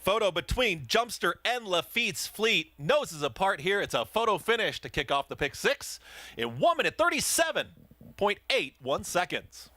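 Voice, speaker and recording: A man's voice: sits high, big pitch swings, normal speed, bright, forceful tone, no room sound. A man working as a race caller, giving live, urgent commentary on a horse race. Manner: urgent race caller delivery, building in intensity.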